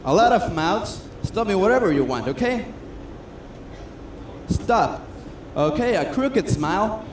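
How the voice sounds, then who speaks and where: Man, high voice, chatty self-mocking magician patter; echoey stage, noisy room. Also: very animated, measured pace. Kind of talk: comedic stage patter with audience. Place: cruise ship stage. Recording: echoey stage sound with noise.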